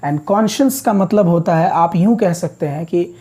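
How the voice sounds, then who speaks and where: A man's voice: sits high, measured pace, dark tone. A man teaching English vocabulary as a classroom lecture, explaining words patiently, step by step.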